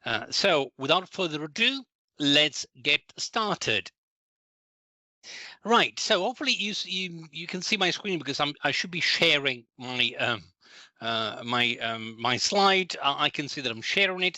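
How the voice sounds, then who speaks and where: A middle-aged man leads a live training webinar over a video call. His voice is very bright and crisp, with a dry, close sound and no room echo. He explains things patiently and circles back to restart his phrases. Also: a little high, lively intonation, unhurried. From Italy. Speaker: trainer and consultant.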